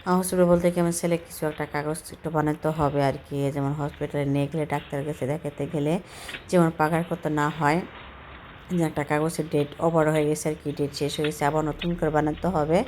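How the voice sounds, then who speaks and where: Low, flat-voiced woman vlogging outdoors. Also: quick pace, a little hiss or hum. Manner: chatty, rambling, many fillers and restarts. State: recovering from a sore throat. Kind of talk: casual walking vlog narration. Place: outdoors on a city street.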